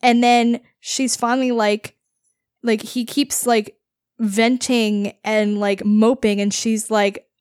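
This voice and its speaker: Slow, rambling woman recapping a book. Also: on the high side, level tone, a little mellow, clean tone, no echo, clean studio sound. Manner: rambling, full of "like" and "um". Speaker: podcast co-host. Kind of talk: casual book recap chat.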